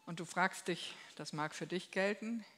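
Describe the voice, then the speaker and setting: A woman delivers a relaxed sermon from her seat at a table in a church hall. She speaks in a lively, folksy, down-to-earth way and slips into small acted voices whenever she quotes someone. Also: lowish voice, normal speed, slight background noise. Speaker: lay preacher. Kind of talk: conversational sermon.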